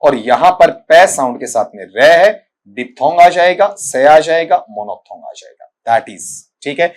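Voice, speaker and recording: Brief: middle-aged male tutor, somewhat high voice, lectures plainly with a scolding edge. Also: lively intonation. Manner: addresses students as beta, repeats "thik hai" often; corrects pronunciations by saying sounds slowly one by one. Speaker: English teacher. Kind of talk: exam-prep lecture.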